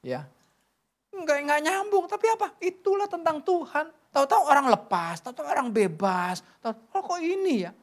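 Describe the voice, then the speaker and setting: A woman's voice: sits high, lively intonation, moderate pace. A middle-aged woman preaching a sermon at a church service, chatty and joking, with many rhetorical questions.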